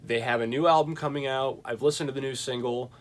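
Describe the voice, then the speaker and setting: A young man talks loosely through the records he has bought lately, enthusiastic and rambling. He reaches for fillers and restarts as he thinks aloud, with a voice of middling pitch. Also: fairly even intonation, fast. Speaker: vinyl collection reviewer. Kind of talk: casual record collection chat.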